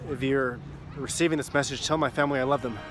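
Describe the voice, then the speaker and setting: A young man play-acts a disaster-film survivor's message to camera. He keeps his voice hushed, grave and dramatic. He holds the phone at arm's length outdoors. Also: medium pitch, fairly even intonation, fast. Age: young adult.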